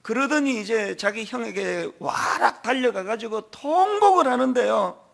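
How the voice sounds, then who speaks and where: A middle-aged man preaching a sermon as pastor, telling stories with emphatic swings in pitch and loudness. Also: very animated, normal speed, vocal fry. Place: large church sanctuary.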